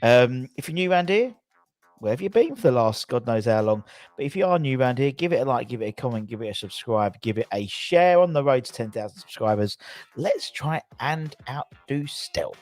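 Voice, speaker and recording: A man's voice: medium pitch, animated, a little fast, a little mellow, dry recording, faint music behind. A man with a southern English accent hosting a casual football fan livestream, rambling and jokey, often repeating himself as he chats to viewers.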